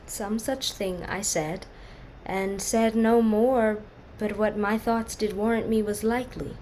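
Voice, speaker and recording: A woman's voice: mid-range voice, steady tone, slow, darkish tone, a little hiss or hum, natural voice, poor audio. An actress playing a young orphaned noblewoman, sorrowful and dignified, speaking classical verse in an earnest, formal way. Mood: restrained. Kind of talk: classical verse stage acting.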